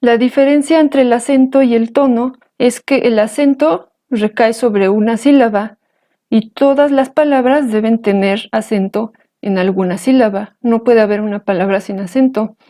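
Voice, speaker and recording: Woman teacher, fairly high but mellow voice, patient, careful delivery. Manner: slow, careful, patient explanation. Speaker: language teacher. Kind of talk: explaining and pronouncing example words.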